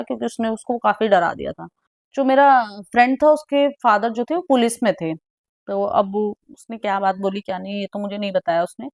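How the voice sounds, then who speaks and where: A young woman recounting a personal story in a casual, animated way, with exclamations and English words mixed into her speech. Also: fairly high pitch, no room sound, clean studio sound.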